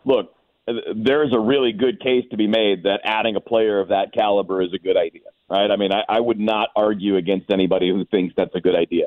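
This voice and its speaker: A man with a lowish voice on a narrow, phone-like line. He talks sports as a guest in an informal, conversational way, with no room echo. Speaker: sports commentator, radio guest. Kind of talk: casual sports talk.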